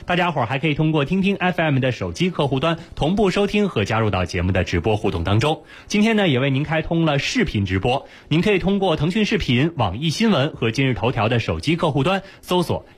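A man hosting a radio health call-in show, with a quick, announcer-like delivery into a studio microphone. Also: a little high, slightly rough. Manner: fast, lively announcer delivery.

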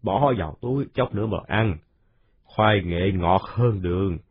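A man voicing a jovial, toothless old village man who speaks slowly and teases the children in a storybook reading. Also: low voice, breathy edge, muffled recording. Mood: hearty. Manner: slow, hearty, teasing.

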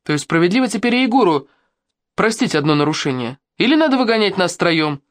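A woman's voice: lowish voice, sing-song, fast talker, voice pushed up. A woman reading an audiobook, voicing a stubborn, principled teenage boy who argues his point earnestly. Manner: earnest, reasoning.

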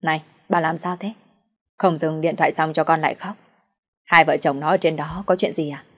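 A woman's voice: sits low, fairly even intonation, normal speed, a bit bright. A woman reading the lines of a blunt, demanding elderly husband in an audio story. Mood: puzzled. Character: elderly husband, bewildered then furious.

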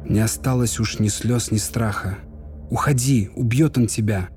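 A man's voice: on the low side, moderate pace, darkish tone, soft background music, pitched above the performer's own voice, close to an everyday voice. A man doing a grieving young woman in a fairy tale. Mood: pleading.

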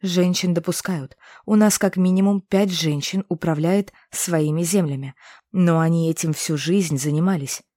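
A woman voicing a calm young male inquisitor who explains things patiently and teases gently. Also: fairly low pitch, moderate pace, no room sound, clean studio sound, close to an everyday voice.

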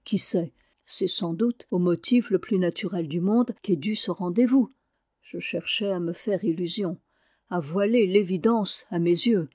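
A woman reading a classic novel aloud with steady, expressive narration. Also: medium pitch, no echo, clean studio sound. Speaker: audiobook reader.

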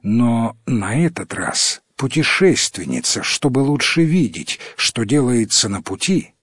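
Male storyteller, husky and slow, lively pitch, dry close sound. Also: no echo. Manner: expressive, unhurried reading. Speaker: narrator. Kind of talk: storybook narration.

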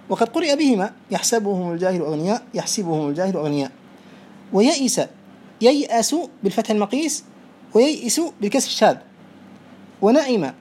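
A teacher giving a classroom lesson, who recites verse lines, explains them with examples, repeats key rules slowly, and quizzes students. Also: medium pitch, a little mellow, slightly rough. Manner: quizzes students and praises answers. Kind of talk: classroom lesson on Arabic morphology.

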